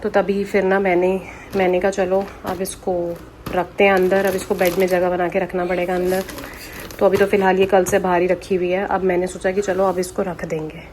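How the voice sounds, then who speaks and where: A woman's voice: lowish voice, little pitch movement, normal speed, a little mellow, slight background noise, poor audio. A young woman, chatting casually and at length to her vlog viewers from home. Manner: chatty, rambling, talks straight to viewers. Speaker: family vlogger.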